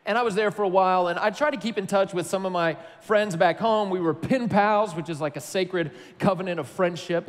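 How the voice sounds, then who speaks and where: A man from Tennessee preaching a sermon, telling a personal story in a conversational, animated way. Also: fairly high pitch, big-room sound. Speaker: pastor.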